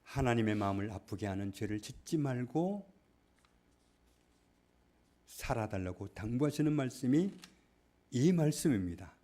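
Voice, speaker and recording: A male pastor preaching a sermon, stressing points loudly and then dropping to hushed asides. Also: medium pitch, lively intonation, unhurried, long pauses. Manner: emphatic, swings between loud stresses and hushed asides. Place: church.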